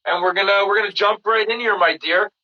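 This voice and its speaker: A man's voice: high-pitched, steady tone, brisk, recorded from a distance, lo-fi sound. A man from Canada hosting a casual remote podcast interview, friendly and rambling with lots of fillers. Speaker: podcast host.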